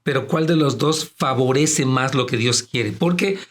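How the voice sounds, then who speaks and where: Hosting a church program, a pastor with a Latin American Spanish accent talks a little slowly in a mid-range yet strong, projecting voice. He walks his brethren through his religious and political opinions in an explanatory, conversational tone.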